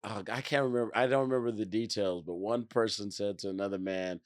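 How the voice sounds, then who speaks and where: A man's voice: lowish voice, quick pace, dry recording, studio quality. A man co-hosting a casual wrestling podcast, joking around and laughing often. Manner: animated, jokey, laughs often. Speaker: podcast co-host.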